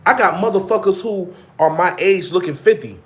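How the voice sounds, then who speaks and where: Brief: thirties male vlogger, slightly high voice, blunt street-slang monologue, repeats himself. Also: normal speed. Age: 30s. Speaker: vlog host. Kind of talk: casual monologue to live viewers.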